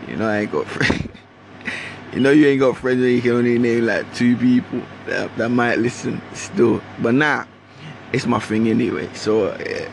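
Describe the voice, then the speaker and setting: This man, originally from Guyana, speaks with a London accent tinged with the Caribbean as he hosts his own podcast. His medium-pitched voice has vocal fry, and the background is noisy. It's a casual solo monologue, rambling and slangy, with lots of restarts.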